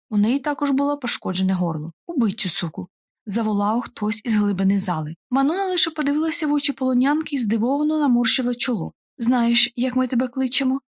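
A woman reading a fantasy audiobook aloud in a steady, measured storytelling way. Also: a little high. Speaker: audiobook narrator. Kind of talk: audiobook narration.

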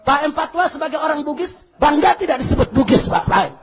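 A man preaching a fiery sermon to a congregation, shouting questions for the crowd to answer and turning calm and measured for prayers. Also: extremely high pitch. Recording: muffled lo-fi recording.

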